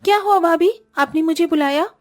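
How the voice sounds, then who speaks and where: A woman's voice: very high voice, a little fast, voice pushed up. A woman voicing a meek, overworked young sister-in-law who answers timidly and submissively. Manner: pleading, submissive.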